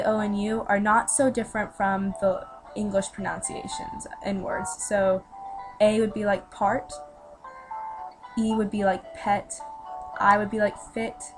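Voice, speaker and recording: With a medium-pitched, flat, unhurried delivery, a teenage girl gives a chatty voice-over lesson, explaining step by step and leaning on fillers. It's a low-quality recording with music behind her.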